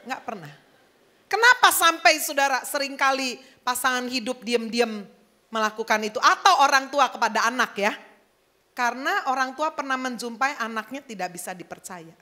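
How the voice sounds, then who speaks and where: A middle-aged Indonesian woman pastor delivers a lively sermon, occasionally weaving English phrases into her speech. She speaks at a moderate pace in a high-pitched voice.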